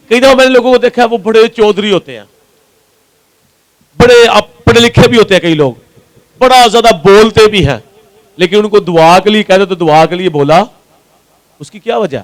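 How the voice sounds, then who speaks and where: High-voiced Punjabi pastor preaching. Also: male voice, rough recording. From Pakistan. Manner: asks the congregation questions and answers them himself; repeats key lines for emphasis. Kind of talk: sermon.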